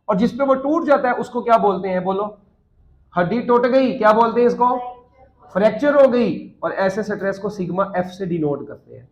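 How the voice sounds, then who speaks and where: A man's voice: high voice, animated, darkish tone, reverberant, poor audio. A man teaching a physics class, joking and quizzing students with repeated questions.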